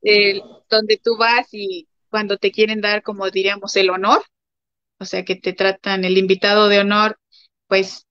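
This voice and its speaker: A woman's voice: mid-range voice, little pitch movement, a little slow, fairly bright tone, dry recording. Casting: Mexican woman guest, chatty, lots of fillers, dry lo-fi recording. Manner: chatty, many fillers, acts out quoted voices. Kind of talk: casual testimony chat. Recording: dry, dull lo-fi sound.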